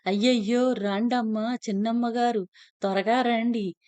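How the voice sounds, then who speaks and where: A woman voicing a rustic village cowherd man who talks in rural dialect and calls out loudly. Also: mid-range voice, measured pace, close to an everyday voice. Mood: alarmed.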